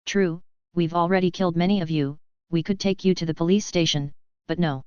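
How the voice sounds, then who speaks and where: A woman voices a brutal young policeman with a sneering, aggressive edge. The tone is smooth and fairly low, recorded dry and slightly dull. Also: steady tone, a little fast, darkish tone, no room sound, close to an everyday voice. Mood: cold.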